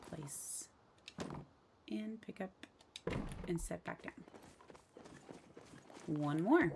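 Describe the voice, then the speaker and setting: A low-voiced woman talks through a building tutorial in a slow, gravelly voice, counting every step half to herself. Loud mouse and keyboard clicking runs behind her. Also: background noise. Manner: counts steps aloud under her breath. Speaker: game building tutorial host. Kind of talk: casual step-by-step voice-over.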